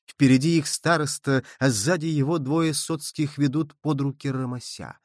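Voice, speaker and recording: A man reading a literary story aloud in a measured, expressive narration. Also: a little high, dry recording, clean studio sound. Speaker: audiobook narrator.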